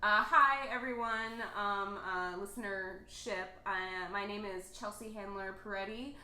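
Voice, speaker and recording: Spacey corporate brand rep, deadpan and rambling, bright tone, echoey room; a woman plays her. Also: medium pitch, unhurried. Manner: rambling, hesitant, repeats "mellow" deadpan. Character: spacey woman brand manager, obsessed with everything being mellow. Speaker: guest playing a spoof brand manager. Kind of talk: improvised comedy bit.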